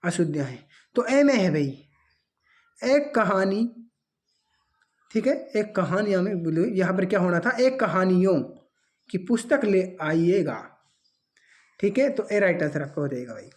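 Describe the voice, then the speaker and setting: A woman teaching an exam-prep grammar class with a lively, rising and falling voice. She reads out each answer option, then corrects it in a quick, chatty way. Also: mid-range voice.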